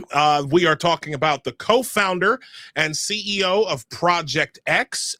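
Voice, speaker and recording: A young adult man hosts a live podcast in a fairly high, sharp voice with no echo. He speaks energetically with frequent filler sounds while running through announcements and introductions.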